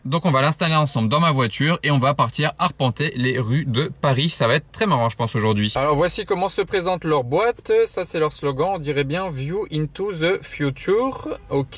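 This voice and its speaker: A man's voice: fairly high pitch, a bit bright, no room sound. A man hosting a casual car-spotting vlog, chatting upbeat and directly to viewers from inside a car while demonstrating a gadget. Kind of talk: casual vlog with product demo.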